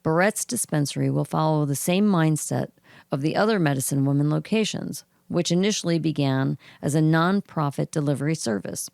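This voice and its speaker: A woman co-hosting a podcast reads cannabis news aloud casually in a low, froggy, gravelly voice. She goes fairly quickly yet keeps an even pace through the items, clearing her throat now and then, in a dry, studio-quality recording.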